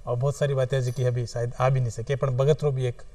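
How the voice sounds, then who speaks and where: A male host of a television studio program, interviewing guests and reading short poems slowly and deliberately. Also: mid-range voice, flat delivery, dark tone, dry recording, recorded from a distance. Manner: reads his short poems slowly and deliberately, repeating lines. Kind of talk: hosted interview with poetry readings.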